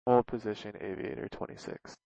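A man's voice: on the low side, fairly even intonation, brisk, creaky, dark tone, clean tone, no room sound. A man speaking as a pilot over the aircraft radio, giving terse, clipped readbacks in radio phraseology. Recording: dull lo-fi radio transmission.

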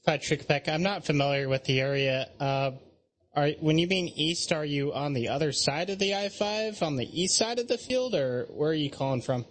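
A man's voice: a little high, normal speed. A man working as an air traffic controller, giving procedural radio instructions.

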